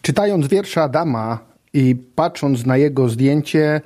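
A man's voice: on the high side, expressive, unhurried, warm tone. A young man who works as a local regional historian, speaking earnestly in a documentary interview. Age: young adult.

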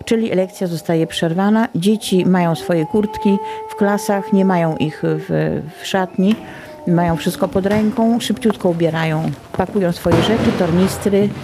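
A middle-aged woman giving a personal account as a teacher, phrasing her thoughts deliberately and reflectively. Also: on the low side. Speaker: Polish language teacher working in Ukraine.

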